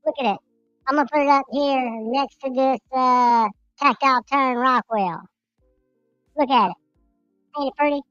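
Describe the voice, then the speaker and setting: A man talking through a pitched-up voice changer plays a chirpy knife enthusiast who keeps saying the same things as he shows off a blade. The voice sits very high and sounds unnatural. The stream audio is dull and lo-fi, with faint music underneath. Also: moderate pace, pauses often, fairly bright tone, clean tone, no room sound. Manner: eager, showy, repeating himself. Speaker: knife channel livestream host. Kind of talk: livestream impression.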